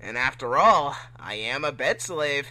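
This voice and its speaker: A man's voice: medium pitch, lively intonation, unhurried, pushed and bright, rough recording. A man voicing a cocky, teasing, laid-back hedgehog hero in an amateur fan fiction reading. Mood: smug.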